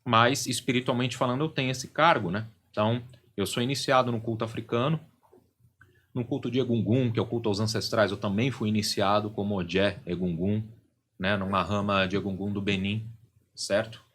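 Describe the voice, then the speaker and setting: Low-voiced Brazilian man explaining patiently. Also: fairly even intonation, a little fast, fairly bright tone, slight background noise. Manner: explains at length, tags sentences with "né?" and "entende?". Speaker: podcast guest, religious leader. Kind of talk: explanatory podcast interview.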